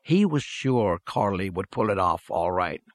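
A man narrating a story in a measured, steady reading. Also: low-pitched, dry recording.

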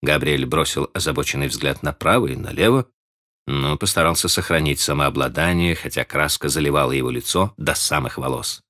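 A man narrating a novel in a measured, expressive reading. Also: very deep voice. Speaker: audiobook narrator.

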